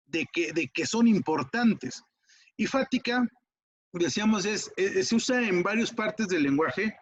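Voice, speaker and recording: A man with a Mexican Spanish accent explaining an exam-prep lesson in a casual, chatty way, checking often that the student follows. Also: sits high. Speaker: teacher.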